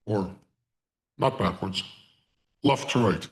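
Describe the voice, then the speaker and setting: A man teaching a live online class in deliberate short phrases, his voice disguised as deep and unclear by a voice changer. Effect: voice changer giving a disguised deep, Darth Vader-like voice. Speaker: online course instructor. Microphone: online video call through a voice changer.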